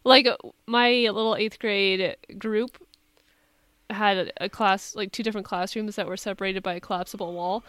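A woman's voice: medium pitch, normal speed, dry recording. A young woman co-hosting a podcast, telling stories casually with lots of likes and laughter. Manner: animated storyteller, laughs often, says like. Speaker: podcast co-host. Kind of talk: casual chat.

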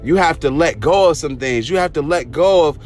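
A man's voice: on the high side, lively intonation, a little fast, faint music behind. A man hosting a motivational show, talking in a slangy, informal way and preaching conversationally with repeated rallying phrases. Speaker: host of a motivational podcast. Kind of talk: casual motivational talk.

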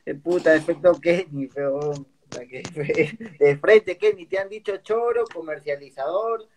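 A young man from Peru with a Lima slang accent, chatting casually with a friend. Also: a little high. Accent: Peruvian Spanish, Lima slang. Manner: relaxed slangy chatter, quick agreeing replies. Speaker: friend in conversation. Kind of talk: casual chat.

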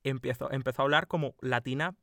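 A man's voice: medium pitch, fast talker, fairly bright tone, dry recording, clean studio sound. A young man from Cuba who grew up partly in Spain, co-hosting a casual podcast chat in a Madrid accent with a Cuban touch. He laughs often and restarts his sentences. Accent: Madrid Spanish with a Cuban touch. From Cuba, raised partly in Spain. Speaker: podcast co-host.

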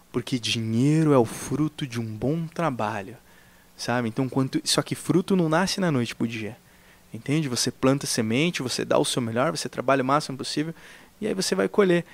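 A man in casual chat telling a work story, animated and acting out old conversations, saying "cara" often. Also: medium pitch, fairly quick, creaky. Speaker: podcast co-host telling his work story.

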